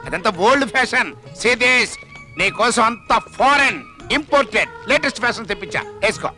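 A man's voice: extremely high pitch, lively intonation, fairly quick, pushed and bright, soft background music, exaggerated voice. An actor playing a doting rich father who fusses over his daughter and gives in to her in a film comedy. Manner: fond, fussing, then giving in. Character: doting rich father, fussy about fashion.

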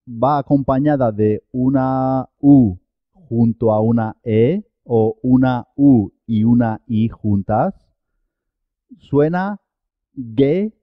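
A man teaching Spanish pronunciation, slowly repeating each example word with careful articulation. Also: mid-range voice, no room sound. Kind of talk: pronunciation lesson. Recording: dull, dry lo-fi sound.

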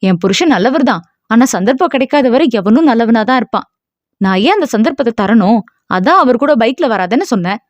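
A woman's voice: a little high, expressive, a little fast, dry recording, natural voice. A woman voicing a suspicious older sister who talks in an offhand, dismissive way. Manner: careless, offhand.

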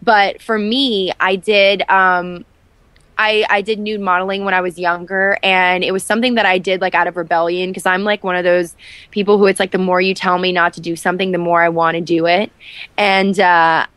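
A woman's voice: lowish voice, level tone, normal speed, a bit bright, clean tone, dry recording. Chatty young woman with a dry close sound. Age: 20s. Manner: chatty, candid, many fillers and restarts. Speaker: actress guest. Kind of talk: casual interview chat.

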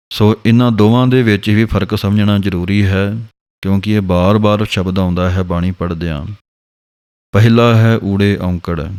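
Man, Punjabi accent, low smooth voice, patient syllable-by-syllable teacher. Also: darkish tone. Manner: patient, spells out each syllable. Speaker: Gurbani pronunciation teacher. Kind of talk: slow, careful pronunciation lesson.

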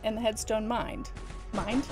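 A woman's voice: fairly high pitch, little pitch movement, unhurried. A woman co-hosting a couch co-op game playthrough, laughing often as she explains the quests in detail. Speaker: let's play co-host. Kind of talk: casual gameplay chat. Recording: game music playing behind.

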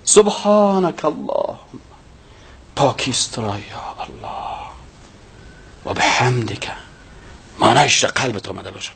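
A man's voice: fairly low pitch, vocal fry, sharp tone, a little hiss or hum. A man preaching a sermon, emphatic, asking rhetorical questions and reciting verses.

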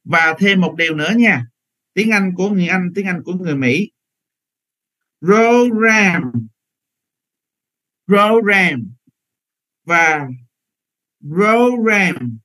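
Man, pronunciation teacher, high voice, patient word-by-word drilling, online class mic. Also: sharp tone, rough recording. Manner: repeats words slowly for learners, patient and corrective.

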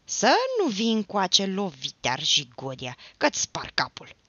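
A woman voicing a sharp-tongued peasant wife and mother who scolds and grumbles. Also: on the low side, sing-song, no echo, dull audio, pitched above the performer's own voice, heavily acted. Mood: scolding.

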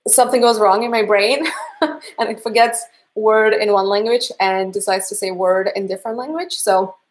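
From her indoor home studio, a Russian-accented woman in her thirties who comes from Canada signs off a livestream painting lesson she teaches. Her voice sits in the mid range, and she chats in a warm, upbeat manner.

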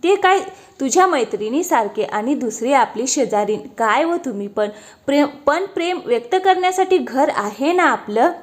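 A woman's voice: sits high, expressive, moderate pace. A woman voicing a playful, affectionate young husband who teases his wife. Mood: teasing. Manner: teasing, affectionate.

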